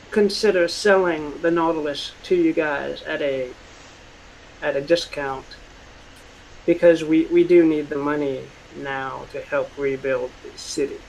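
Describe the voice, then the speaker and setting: A man improvising narration and dialogue as a tabletop game master, halting and searching for words as he goes. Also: fairly high pitch, gravelly, slight background noise, rough recording.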